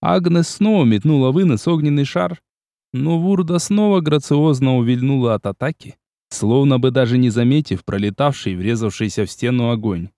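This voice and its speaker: A man narrating a fantasy audiobook in a steady storytelling manner. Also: medium pitch, normal speed, no room sound.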